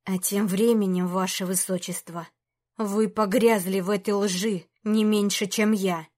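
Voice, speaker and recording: A woman's voice: mid-range voice, steady tone, a little slow, lightly acted. A woman doing a mocking traitor knight. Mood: sullen defiance. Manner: mocking, shouting, through clenched teeth. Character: treacherous young male knight, greedy and defiant.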